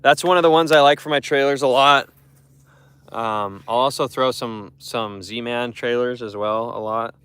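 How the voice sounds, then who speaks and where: A young man streaming live from a boat on a lake, talking straight to his viewers in a loose, rambling way. His voice is smooth and clear, pitched in a middle register, and he often trips over and repeats his words. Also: unhurried, a bit bright. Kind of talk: casual live stream chat.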